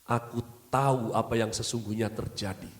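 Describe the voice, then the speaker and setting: A man's voice: mid-range voice, steady tone, normal speed, roomy sound, long reverb tail, pitched below the performer's own voice, lightly acted. A man quoting a sly, sulky schoolgirl. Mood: resentful. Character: sulky schoolgirl, bold and scheming.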